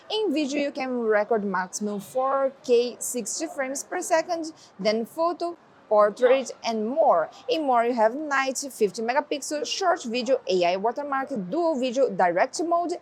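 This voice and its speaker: Relaxed and explaining step by step, a woman who speaks Portuguese natively walks through a tablet's features in a casual product demo, with non-native phrasing. She's a tech reviewer with a slightly high voice, and the audio carries slight hiss or hum.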